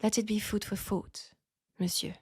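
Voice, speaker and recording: Soft background music plays under a medium-pitched, steady, soft and breathy voice with a French accent and no room sound. The audio roleplay performer portrays a frank, perceptive young Parisian seamstress, gently reproachful, in an intimate steampunk audio drama. Pointed and critical, then politely composed, she speaks hushed and deliberate, with pauses and breathy sighs.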